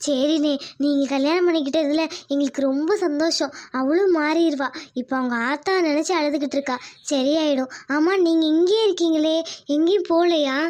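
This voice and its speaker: A woman's voice: high-pitched, moderate pace, a little mellow, natural voice. A woman voicing a chatty, loyal young woman in a cartoon. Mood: reassuring. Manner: coaxing, talkative. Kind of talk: cartoon voice acting.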